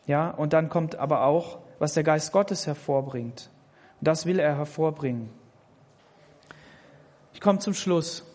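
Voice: mid-range voice, unhurried, pauses often, a little mellow. A preacher giving a sermon, speaking directly to each listener and repeating words to drive points home. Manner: emphatic, repeats words when pressing a point. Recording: long hall reverb.

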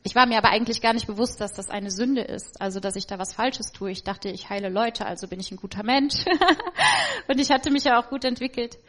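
A woman's voice: on the high side, sing-song, a little fast, fairly bright tone. Emotional German woman telling her testimony. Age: adult with children. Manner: emotional, reflective storytelling. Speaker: testimony speaker. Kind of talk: personal faith testimony.

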